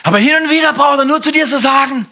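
A male pastor preaching an energetic sermon, swinging between loud bursts and hushed, quiet passages. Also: very high voice, fast talker, creaky.

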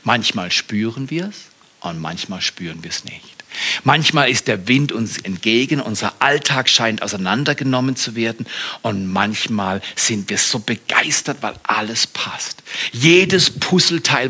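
A middle-aged man preaching a sermon, animated, asking the listeners questions and swinging between loud outbursts and hushed asides. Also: medium pitch, breathy edge.

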